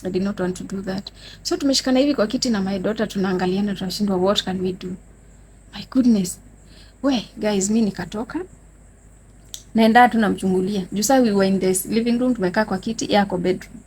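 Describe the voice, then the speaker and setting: Her voice mid-range and her pace quick, a young Kenyan woman with a Kenyan accent dramatically narrates a personal story for her vlog viewers, calling them "guys." It's a casual storytime vlog in a mix of Swahili and English, delivered with animated energy over a faint hiss or hum.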